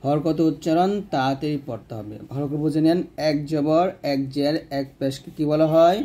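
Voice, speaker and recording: A man teaching Quran reading step by step, asking and answering his own questions and slowing down to model each letter sound. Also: a little high, warm tone. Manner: repeats key terms, asks and answers own questions. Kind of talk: step-by-step lesson.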